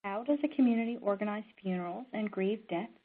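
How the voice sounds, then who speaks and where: A middle-aged woman from Newfoundland and Labrador, a social worker giving an instructional talk in an earnest, conversational way, often pausing on "um". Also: medium pitch. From Newfoundland and Labrador, Canada. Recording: narrow, tinny phone-like sound.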